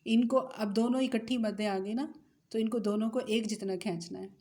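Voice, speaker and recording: A woman's voice: fairly high pitch, steady tone, moderate pace, warm tone, echoey room. A woman teaching tajweed with a Pakistani Urdu accent, explaining patiently and drawing out example words. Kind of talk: recorded recitation lesson.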